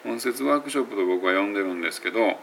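A man's voice: fairly low pitch, animated, racing, gravelly, fairly bright tone, slight background noise. A man with a Kansai Japanese accent, teaching English pronunciation in a casual audio blog, rambling and correcting himself as he sounds out example words.

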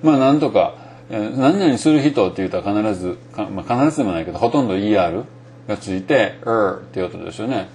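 A man's voice: fairly low pitch, lively intonation, fast talker, darkish tone, slight background noise. A middle-aged man with a Kansai Japanese accent, giving a casual spoken lesson on English pronunciation and thinking aloud with many fillers.

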